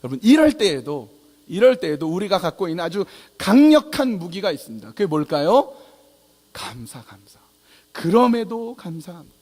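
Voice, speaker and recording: A pastor preaching to his church, his voice high and swinging up and down. He acts out the voices in his stories as he goes. The sound carries a long reverb from the sanctuary. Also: very animated, a little fast, darkish tone. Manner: storytelling preacher, acts out dialogue. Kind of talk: sermon.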